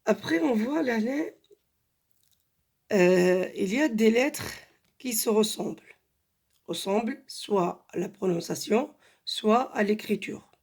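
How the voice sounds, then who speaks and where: A woman teaching Arabic letters, saying each sound three times and explaining patiently with many pauses and fillers. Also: medium pitch, animated, a little mellow, breathy edge. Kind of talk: slow spoken lesson, drilling letter sounds.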